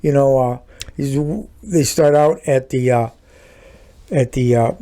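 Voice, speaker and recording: An older man co-hosting a casual movie-review chat, halting and full of fillers and restarts. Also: steady tone, dark tone. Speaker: podcast co-host. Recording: older lower-quality podcast audio.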